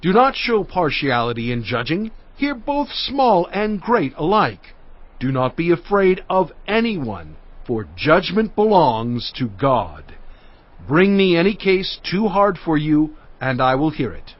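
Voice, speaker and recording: The actor portraying Moses has a fairly high, very animated voice and keeps a measured pace. Earnest and recounting, he addresses his people like a fatherly leader with the weight of an orator in this dramatized scripture reading, heard through dull audio over music.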